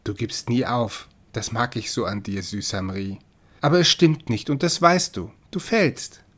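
A man voicing gentle, unyielding Death as a bird. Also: medium pitch, a little slow. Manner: soft, kind but unyielding.

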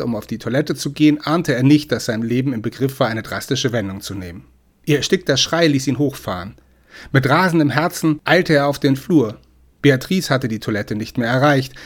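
Man reading an audiobook, measured. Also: mid-range voice. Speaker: audiobook narrator. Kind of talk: scripted narration.

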